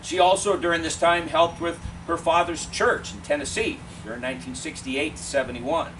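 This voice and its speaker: A man preaching a funeral eulogy in measured, deliberate short phrases with pauses. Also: on the high side. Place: funeral service, speaker away from the mic. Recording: distant mic, clear steady air-conditioning noise.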